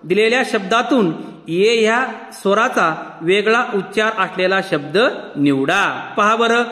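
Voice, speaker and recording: High-voiced man teaching in an echoey room. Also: expressive, measured pace, pushed and bright. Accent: Marathi. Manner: patient, asks and answers his own questions. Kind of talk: exam-prep lesson, slow question and answer. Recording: echoey room with long reverb.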